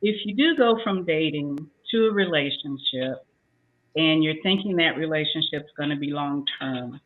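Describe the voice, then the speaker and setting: A deep-voiced older woman talks at a normal speed as a talk show panelist, sharing casual advice. Telling a story, she performs both parts of the exchange herself. Everything has a tinny, phone-like ring.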